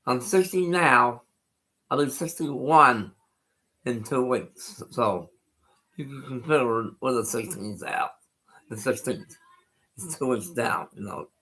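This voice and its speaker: A man's voice: medium pitch, expressive, slow pace, long pauses, bright, forceful tone, rough recording. A man of sixty chatting casually on his livestream, rambling and repeating himself with little laughs between remarks. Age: 60s. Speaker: live streamer.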